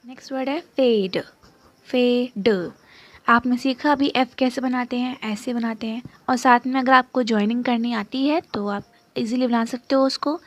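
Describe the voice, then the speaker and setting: A woman's voice: on the high side, fairly even intonation, moderate pace, dry recording. A woman teaching a shorthand lesson step by step, patiently repeating terms and checking in with "okay?" as she writes. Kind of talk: step-by-step lesson while writing.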